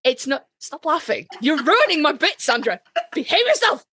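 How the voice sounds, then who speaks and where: There's a little hiss or hum as a Yorkshire co-host sings out her blunt opinions in a ranked-countdown fan chat, swearing heavily and emphasizing dramatically. She's high-pitched and sing-song, pushed and bright, at normal speed.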